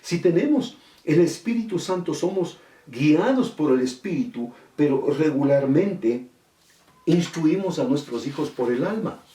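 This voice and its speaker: A middle-aged man preaches a sermon as pastor, telling a story and acting out what the people in it said. His voice is mellow and dark. He is heard from a distance in an echoey church. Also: a little high, expressive, measured pace. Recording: echoey room from far off.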